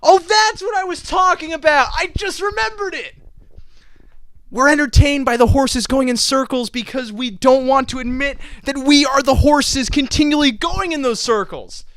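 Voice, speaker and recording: Hosting a racing podcast, a young man speaks at normal speed in a very high-pitched, slightly bright voice with no room sound. His banter is theatrical and self-mocking, and he often slips into silly voices.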